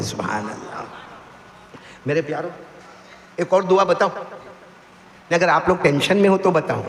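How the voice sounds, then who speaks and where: An older man giving a religious sermon, telling humorous stories and leading the congregation to repeat prayers after him, with a gravelly voice. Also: fairly high pitch. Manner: humorous storytelling, leads the crowd to repeat prayers. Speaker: preacher. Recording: echoey hall with faint background noise.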